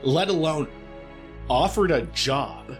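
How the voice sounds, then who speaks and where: A man narrating a tabletop role-playing game as game master in calm, descriptive storytelling. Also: fairly high pitch, slow, faint music behind.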